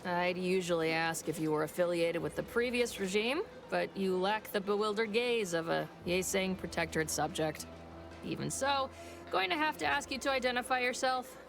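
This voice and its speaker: A woman playing a brisk, wry trooper in a video game, greeting newcomers with sardonic official patter. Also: medium pitch, lively intonation, creaky. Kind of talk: scripted video game dialogue. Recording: music behind the voice.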